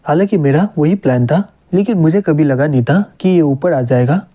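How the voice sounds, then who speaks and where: A man reading the lines of a teasing, possessive young woman in a manga recap, in a fairly high, very dark, soft voice. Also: normal speed, close to an everyday voice. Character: clingy, jealous young woman sister figure.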